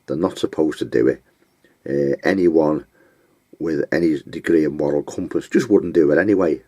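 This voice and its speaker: A man giving advice in an unscripted monologue, blunt and scornful, with frequent pauses and filler words. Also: very deep voice, mellow, breathy edge, no room sound. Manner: blunt, scornful, name-calling; halting, with many fillers.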